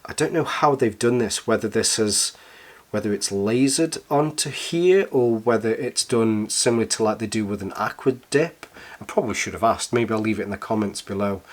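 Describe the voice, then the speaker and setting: A man with a croaky, slightly hoarse voice, chatting casually and enthusiastically as he reviews a product, a little rambling and hesitant. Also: lowish voice, moderate pace. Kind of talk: casual review chat to camera.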